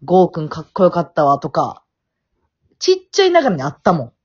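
A young woman with a Kansai accent chatting casually on a podcast from her family home over a remote call, teasing her co-host in quick banter. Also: lowish voice, wildly swooping pitch, breathy edge. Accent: Kansai Japanese. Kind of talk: casual chat. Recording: dull lo-fi audio.

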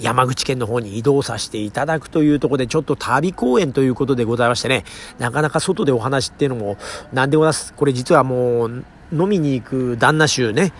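A man chats politely and quickly, with plenty of fillers and a lively, rising and falling pitch. His voice is gravelly. He is recording outdoors near a train station, with faint street traffic behind him. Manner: chatty, polite, with many fillers. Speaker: podcast host. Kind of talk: casual solo talk.

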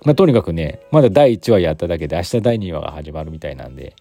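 A man's voice: low voice, big pitch swings, rapid-fire, vocal fry, warm tone, soft background music. A man in his forties from Aichi with an Aichi accent, chatting casually and rambling through many fillers as a podcast host. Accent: Aichi Japanese. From Aichi, Japan. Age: 40s. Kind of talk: casual solo chat.

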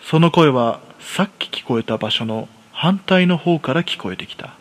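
With a slightly high voice and lively intonation, a man plays a jittery recluse in his thirties who runs himself down while narrating his own horror story for radio. The rough, colloquial delivery is lightly acted, moderately paced and uneasy.

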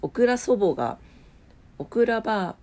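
This host's voice is on the high side, warm and sing-song, moving at normal speed, but nasal, blocked-up and drowsy. On her daily morning show about weather and today in history, she mixes casual talk with reading weather and trivia notes, sleepy and unpolished.

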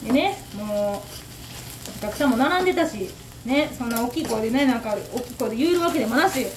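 This fast-talking woman, fairly high in pitch, owns a takoyaki shop and hosts a radio talk, where she tells a story in casual, exasperated Kansai Japanese, ranting animatedly. Background noise and a roomy echo color the recording, along with the faint sizzle of frying takoyaki.

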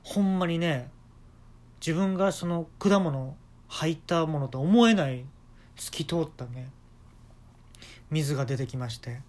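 A man with a Kansai accent telling an absurd story in a casual, deadpan, rambling way with many asides. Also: fairly high pitch, a little slow, pauses often. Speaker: podcast talker.

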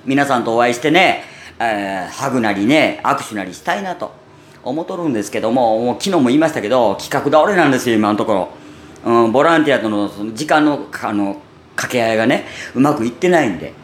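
Gravelly male voice, Kansai accent, natural chatty radio host, echoey room, faint noise. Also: medium pitch, animated, quick pace. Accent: Kansai Japanese. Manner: natural unaffected delivery, chatty, with frequent sentence-final "ne". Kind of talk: casual monologue to listeners. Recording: roomy echo, faint background noise.

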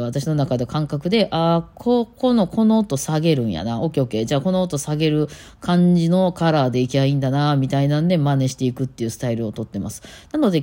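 A woman's voice: extremely low pitch, dark tone. A woman musician with a Kansai accent, talking casually on her own show and rambling with lots of fillers. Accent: Kansai Japanese. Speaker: musician and podcast host. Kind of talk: casual solo talk.

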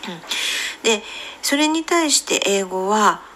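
A woman who coaches English pronunciation, talking on her own podcast in a gentle, explaining way with many fillers. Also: mid-range voice, sing-song, measured pace. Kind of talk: solo podcast talk.

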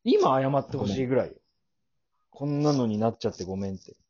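A man co-hosting a casual podcast chat, scolding his partner in mock anger with sudden shouted jabs. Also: mid-range voice, fast, dull audio. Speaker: podcast co-host.

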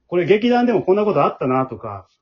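An amateur theatre director hosting a podcast chats casually in a husky voice with a Kansai accent. He talks fast, his pitch swinging lively as he explains things conversationally, and the audio is a little dull and lo-fi.

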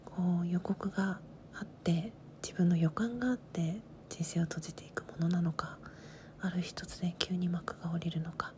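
A woman host whispering gently and reflectively at home at midnight, speaking slowly and softly. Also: on the low side. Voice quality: soft whisper. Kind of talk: whispered late-night talk.

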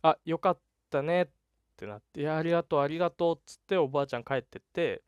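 Young male solo podcaster, casual and animated storyteller, dry studio-close mic. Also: fairly high pitch, fast, clean tone, no room sound. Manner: chatty, animated retelling with laughs and voiced quotes. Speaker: podcast host.

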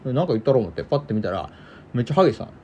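A man co-hosting a chat, telling an animated story and acting out quoted lines in a rough voice. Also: medium pitch, rapid-fire, muffled recording, heavy background noise. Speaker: podcast co-host.

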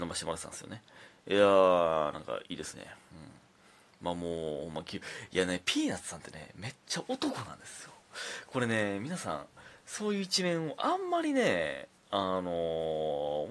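A young man with a Kansai accent talks on his own comedy podcast. He rambles easily from story to story. His fairly low voice rises and falls a lot as he goes. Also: a bit bright. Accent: Kansai Japanese. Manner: laid-back, rambling storytelling. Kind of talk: casual solo talk show.

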